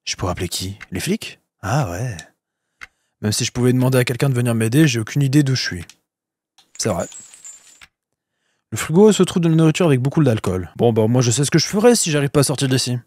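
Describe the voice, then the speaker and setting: A man's voice: medium pitch, animated, fairly quick, pauses often, a little mellow, dry recording. A man giving casual let's-play commentary, crude and joking, swearing often. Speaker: video game streamer.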